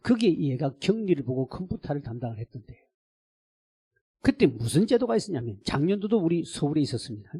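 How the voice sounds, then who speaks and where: Husky, animated preaching man. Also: on the high side, fast talker. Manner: animated, colloquial storytelling with emphatic repetition. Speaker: guest pastor at a revival meeting. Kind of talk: sermon. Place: church service.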